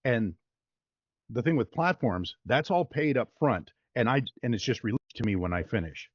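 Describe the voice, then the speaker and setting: A male voice-over artist, talking casually as an interview guest, in a relaxed and chatty way with fillers. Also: medium pitch, moderate pace, dry recording, dull audio.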